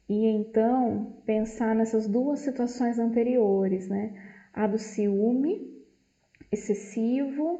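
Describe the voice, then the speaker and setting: Woman with a gravelly voice, roomy and lo-fi. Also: a little high, warm tone. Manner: explanatory, frequent "né" tags. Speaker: study group presenter. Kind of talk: informal book study talk. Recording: dull lo-fi, roomy echo.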